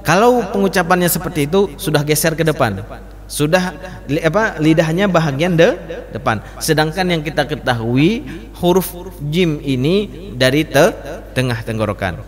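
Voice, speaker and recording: Male recitation teacher, high animated voice, long hall reverb. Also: normal speed. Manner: addresses class as Pak, demonstrates letter sounds repeatedly. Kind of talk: mosque study class. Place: mosque hall.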